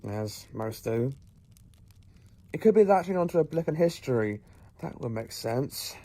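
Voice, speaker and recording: A male actor voices an eccentric professor and time traveller in an audio drama, sounding clever, take-charge and musing. His mid-range voice has a gravelly edge and a soft, dark tone, with lively intonation at an unhurried pace.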